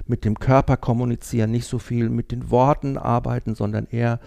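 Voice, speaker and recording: Gravelly-voiced man, dark tone. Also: mid-range voice, brisk. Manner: lively, laughs while explaining. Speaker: podcast host. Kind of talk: casual podcast chat.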